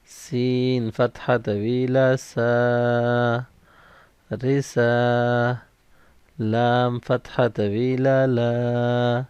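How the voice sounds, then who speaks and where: A male Quran reading teacher drills his pupils syllable by syllable, spelling out each letter and vowel before he blends them. His delivery is very slow and unhurried, and his voice is smooth and resonant. The recording is dry and slightly dull. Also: mid-range voice, no room sound.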